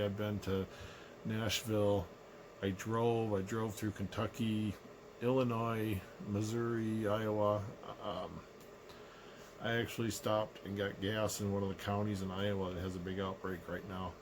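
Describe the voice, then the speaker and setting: Man, middle-aged, low voice, unhurried, subdued, sore throat, casual home vlog, light background noise. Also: level tone. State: sick with a sore throat, recovering from voice loss. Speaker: vlogger. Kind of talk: casual personal rant to camera. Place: small living room indoors.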